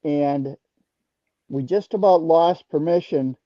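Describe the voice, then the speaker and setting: A man's voice: on the high side, slow pace, mellow, dry recording. An older man from Wisconsin calling in over the phone to a talk stream, speaking in an earnest, plain-spoken way as a detecting club founder. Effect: heard over the phone. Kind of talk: casual call-in chat. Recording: dull dry phone audio.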